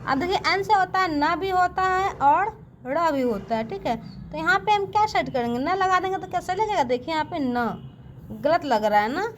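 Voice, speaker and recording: A woman's voice: extremely high pitch, lively intonation, moderate pace, slight background noise. A woman teaching a patient classroom-style lesson, speaking to the listeners as children and often asking checking questions.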